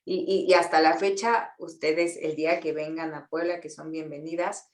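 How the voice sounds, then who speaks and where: A woman with a Mexican accent, an activist earnestly explaining things to students, often pausing with fillers and repeated words. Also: deep voice, flat delivery, roomy sound. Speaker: guest speaker, feminist activist.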